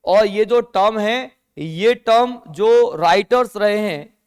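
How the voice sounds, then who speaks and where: High-voiced man teaching a class. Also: slow, smooth. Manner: asks the class questions and answers them himself; mixes English words into Hindi. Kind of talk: classroom lecture.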